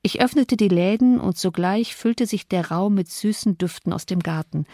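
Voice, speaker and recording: A woman narrating an audiobook in an even, measured reading. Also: medium pitch, dry recording, studio quality. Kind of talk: scripted narration.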